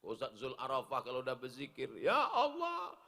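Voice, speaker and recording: A middle-aged man preaching outdoors, joking with the crowd and breaking into sung Arabic chant between hushed asides. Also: medium pitch, huge pitch swings, normal speed. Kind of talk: open-air sermon with jokes and acted dialogue. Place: outdoor football field gathering.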